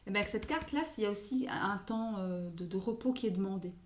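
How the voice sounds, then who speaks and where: An astrology card reader gives casual spoken tarot guidance, hesitating and searching for words while often slipping into English phrases. Her mid-range voice is animated and fast, recorded in an echoey room with slight background noise.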